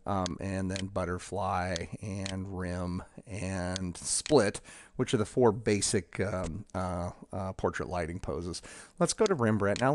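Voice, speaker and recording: A man with a fairly low voice talks through a software demo, halting and restarting often as he clicks along. His delivery is loose and unscripted, full of ums. A faint hiss sits under the voice. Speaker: software developer demonstrating his tool. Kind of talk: casual software demo walkthrough.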